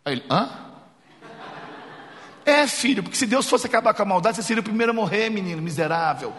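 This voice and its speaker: A man's voice: high voice, fast, slight background noise. A man preaching a sermon, telling a funny story and acting out the dialogue. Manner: jokey, animated, acts out dialogue. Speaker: pastor. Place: church sanctuary. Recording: reverberant church hall.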